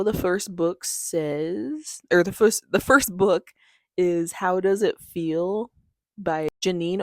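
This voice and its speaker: A woman's voice: lowish voice, a little mellow, no echo, clean studio sound. A young woman chatting casually about a book haul in a bubbly, gushing, giggly way. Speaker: book vlogger.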